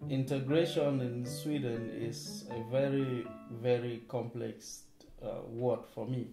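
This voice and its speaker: A man's voice: medium pitch, steady tone, takes it slowly, echoey room, over loud music. A man from Cameroon, a project field worker, speaking reflectively in an interview.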